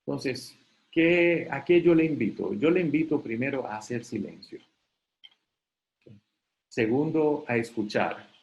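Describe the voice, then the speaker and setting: A man giving a webinar over a video call at a middle pitch. He talks to his audience in a loose, chatty way and keeps checking in with a quick "ok?". Now and then he jumps up in pitch to act out someone asking a question. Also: expressive, creaky, a little mellow, highs cut off. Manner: conversational, often tags sentences with "¿ok?". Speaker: webinar facilitator. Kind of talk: live online talk.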